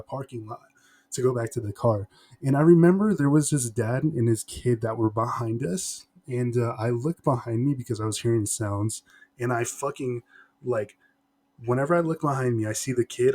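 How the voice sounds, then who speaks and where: A man's voice: medium pitch, a little mellow. Young man rambling through a casual, sweary story. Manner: slangy, heavy swearing, emphatic word stretches. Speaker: vlogger telling a personal story.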